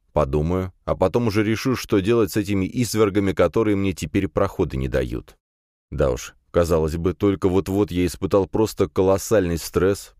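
Deep-voiced male audiobook narrator. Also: warm tone, dry recording, studio quality. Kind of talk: first-person scripted audiobook narration.

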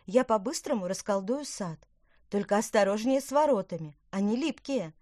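A woman's voice: mid-range voice, lively intonation, normal speed, a little mellow, dry recording, studio quality, voice pushed up, close to an everyday voice. A woman voicing a cheerful, caring female apple-tree witch in a storybook reading.

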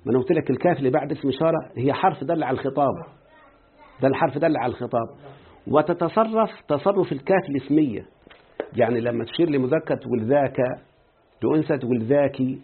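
A man's voice: medium pitch, quick pace, slight background noise. A man with an Egyptian accent teaching Arabic grammar, explaining a text and quizzing his students as he goes. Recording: tinny phone-like lo-fi audio.

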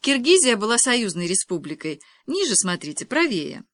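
A woman's voice: mid-range voice, sing-song, moderate pace, fairly bright tone, dry recording, voice pushed up. A woman reading an audiobook, voicing a sardonic young woman who sounds mocking and exasperated.

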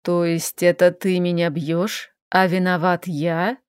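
A composed male vampire counselor, voiced by a woman reading a novel aloud, speaking in a lowered, level voice with a dry, teasing edge. He never hurries or raises his tone. The recording is close and dry, with no room sound. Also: smooth, dry recording. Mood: calm teasing. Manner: even, unhurried, teasing. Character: calm, dry-witted male vampire advisor.

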